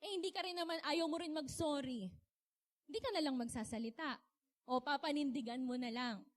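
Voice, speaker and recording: A young woman from the Philippines giving a chatty, animated sermon, laughing often and asking her audience questions. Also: sits high, fairly quick. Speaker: speaker. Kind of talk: casual sermon talk.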